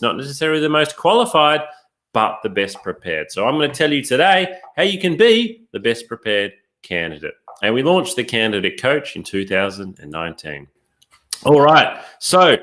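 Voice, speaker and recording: A man's voice: medium pitch, fairly bright tone. Upbeat man presenting a live workshop. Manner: upbeat, emphatic, addresses viewers directly with rhetorical questions. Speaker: career coach.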